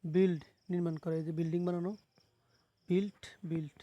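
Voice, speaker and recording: An English teacher with a Bangladeshi accent moves briskly through a classroom lesson on verb forms, saying each word twice and spelling out its meaning simply. His high voice stays flat, and the lo-fi recording has no room sound.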